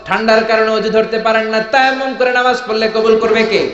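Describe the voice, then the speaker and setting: A man delivers a rousing sermon in a fairly high voice. He urges the crowd to shout back and tells folksy, humorous stories. The sound rings through a large, echoing hall on a dull, lo-fi recording. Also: fairly even intonation, quick pace, a little hiss or hum. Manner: rousing, calls on the crowd to answer aloud; colloquial, humorous storytelling. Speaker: preacher. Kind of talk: Bengali waz sermon to a crowd.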